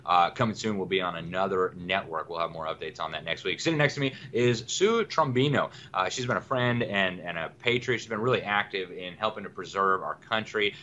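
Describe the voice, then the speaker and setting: A man hosting a talk show, talking briskly and upbeat to viewers, on dull lo-fi audio with a faint rumble. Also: pushed and bright. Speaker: host.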